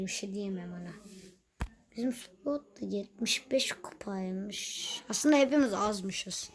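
A young woman talking casually over her own gameplay, chatty and easily exasperated, with teasing asides. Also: fairly high pitch. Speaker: gaming youtuber.

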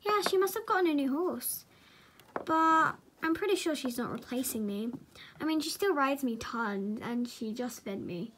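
A woman voicing a friendly young mare in a toy horse movie, talking softly and hesitantly. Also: high-pitched, animated, normal speed, slight background noise.

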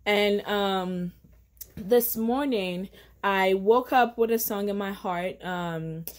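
Speaking slowly in a medium-pitched voice, a young woman shares devotional encouragement to camera as a faith vlogger. She's indoors in her living room at home, earnest and chatty, with lots of fillers.

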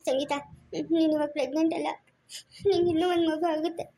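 A woman's voice: high-pitched, steady tone, fast, mellow. A woman acting a remorseful mother who pleads tearfully to get her son back, in an amateur family skit. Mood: begging.

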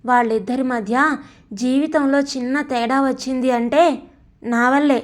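A woman's voice: sits high, steady tone, measured pace. A woman narrating a family story aloud, reading it expressively and shifting into each character's lines.

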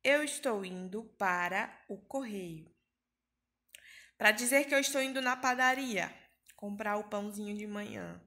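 A woman teacher from Brazil with a Northeastern Brazilian accent, talking slowly and deliberately. She has a bright, clear tone. She stretches each English word out for children to repeat. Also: medium pitch, very animated. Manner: slow, drawn-out pronunciation drills with exaggerated intonation. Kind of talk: online lesson for young children.

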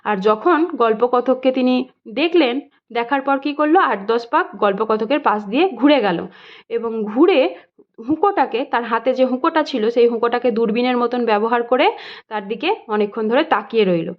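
Woman tutor, Bengali accent, higher voice; reads, then explains patiently; lo-fi recording. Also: expressive, moderate pace. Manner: reads story lines aloud, then explains them plainly. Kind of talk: reading and explaining a story to students. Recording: dull lo-fi sound.

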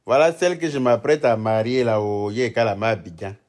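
Male streamer, mid-pitched, teasing, casual running commentary. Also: a little fast, a little mellow. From Ivory Coast. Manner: mocking, teasing and chatty, often breaking into laughter. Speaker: live streamer.

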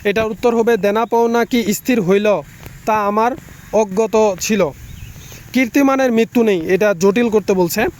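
A young man tutoring students, briskly walking through exam answers one by one. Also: sits high, steady tone, darkish tone. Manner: brisk, lists answers in quick runs.

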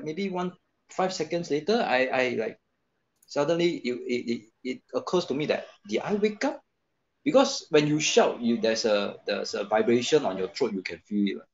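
A man tells his story in a gravelly voice that rises and falls a lot. He stops and restarts often and fills gaps with fillers. The video call audio sounds dull and lo-fi. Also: mid-range voice, a little mellow. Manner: halting, many fillers and restarts. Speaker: guest storyteller. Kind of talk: casual chat on a video call.

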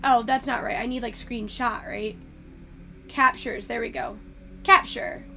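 Chatty high-voiced young woman. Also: fairly even intonation, unhurried, gravelly, a bit bright, a little hiss or hum. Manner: chatty, swears casually, thinks aloud. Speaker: virtual photography streamer. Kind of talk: casual tutorial chat.

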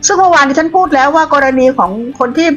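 A woman's voice: extremely high pitch, fast talker, fairly bright tone. A woman giving a blunt, combative political commentary monologue, scolding her opponents. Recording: dull lo-fi audio with faint music.

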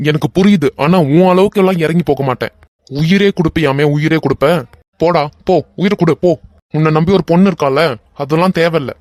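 An exasperated young husband from a cartoon, voiced by a man with a Kanyakumari Tamil accent. He scolds his friend in a sharp, weary way, with a voice somewhat high for a man. The sound is dry and close to the mic. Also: no echo, lightly acted. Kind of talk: animated web cartoon voice acting.

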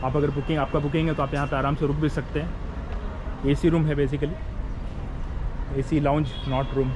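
A man's voice: fairly high pitch, little pitch movement, normal speed, noisy background. A man in his forties, a travel vlogger, explaining a ferry trip step by step, filmed outdoors on a camera held at arm's length. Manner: explains step by step, mixes in English phrases. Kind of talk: casual travel vlog narration. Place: outdoor ferry terminal and car deck.

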